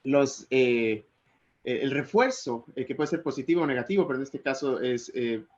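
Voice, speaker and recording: A man's voice: medium pitch, muffled recording. A man from Ecuador giving an online technical lecture, hesitating often with fillers and restarts.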